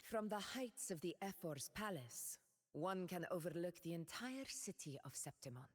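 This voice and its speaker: A woman voicing Augusta, a proud and steadfast warrior ruler, speaking her game voice lines in a solemn, measured, regal way. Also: lowish voice, lively intonation, in a large hall.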